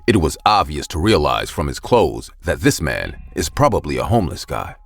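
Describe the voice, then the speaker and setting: A man narrating a scripted horror story with a steady storytelling delivery. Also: very deep voice, moderate pace, vocal fry, no room sound.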